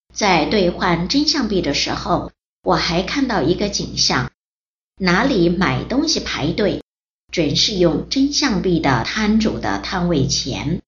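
A woman reads a first-person account aloud at a slow, unhurried pace, her lowish voice rising and falling widely. The recording sounds roomy and echoey, with a dull, lo-fi tone. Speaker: reader of a personal testimony.

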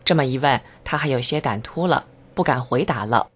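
Steady, earnest mid-pitched narrator. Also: a little fast, husky. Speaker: reader of a first-person testimony. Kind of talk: scripted narration.

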